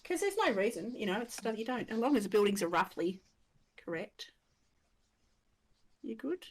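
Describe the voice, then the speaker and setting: A woman's voice: a little high, big pitch swings, moderate pace, breathy edge. A middle-aged woman with a broad Australian accent, chatting casually and self-deprecatingly to herself and others as she paints. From Australia, Melbourne area. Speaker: live stream painting host. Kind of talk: casual chat while painting.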